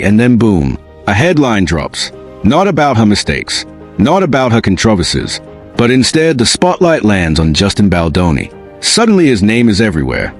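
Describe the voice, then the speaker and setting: A man narrates a scripted commentary in a fairly low voice. His pitch rises and falls through clipped, suspense-building phrases aimed straight at the viewer. Soft music sits quietly beneath him.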